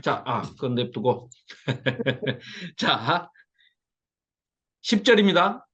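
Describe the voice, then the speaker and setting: A middle-aged man teaching a Bible study to a small class, lively and often acting out mocking lines. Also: mid-range voice, drawn-out words, slightly rough. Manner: animated, mocks the invaders in acted quotes.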